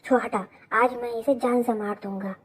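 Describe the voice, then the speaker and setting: A woman's voice: on the high side, steady tone, moderate pace, natural voice, low-quality recording. A woman playing an arrogant college bad boy. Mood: threatening. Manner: brash, bossy.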